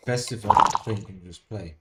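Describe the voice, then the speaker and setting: A man with a fairly low voice talks at a moderate pace over a very noisy recording. He's streaming an online backgammon game at a desk microphone, chatting casually in a dry, self-deprecating way and muttering his thoughts to himself.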